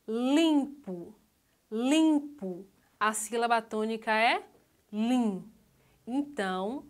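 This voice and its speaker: A woman's voice: on the high side, a bit bright. A woman teacher, giving a grade-school lesson and stretching out syllables as she sounds out words, often asking the class questions. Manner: slow, drawn-out syllables when sounding out words; asks the class frequent questions.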